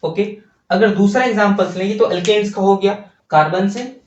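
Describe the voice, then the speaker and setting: A male teacher working through chemistry at the board in an unhurried way, putting questions to the class and then answering them himself. The voice sits back from the mic in a roomy, echoing space, and the recording sounds dull and lo-fi. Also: high-pitched. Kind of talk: chemistry lesson while writing on a board. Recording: distant, echoey, dull lo-fi.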